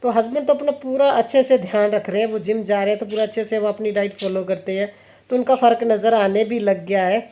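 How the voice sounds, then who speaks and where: A woman's voice: medium pitch, fairly even intonation, quick pace, mellow, slight background noise. A woman in her thirties from India, chatting casually about her family and her kitchen routine as she works, with frequent laughs. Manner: chatty, laughs often, quotes family conversations. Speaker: home vlogger, mother.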